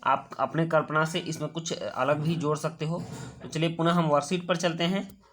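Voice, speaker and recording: A man's voice: a little high, steady tone, a bit bright. Patient male teacher explaining a worksheet. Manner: patient, explaining step by step, repeating words slowly. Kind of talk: worksheet lesson for children.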